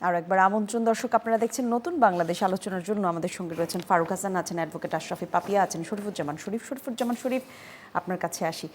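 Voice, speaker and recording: A woman's voice: fairly low pitch, fairly even intonation, racing, few pauses, music in the background. A woman hosting a political talk show, politely introducing guests and steering the discussion in a formal manner. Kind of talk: television talk show moderation.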